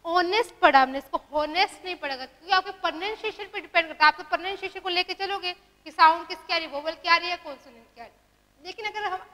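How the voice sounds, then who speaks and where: A woman teaching an English grammar lesson in a mix of Hindi and English with an Indian accent, asking questions and answering them herself, dictating example sentences slowly. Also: extremely high pitch, bright, forceful tone, in a large hall.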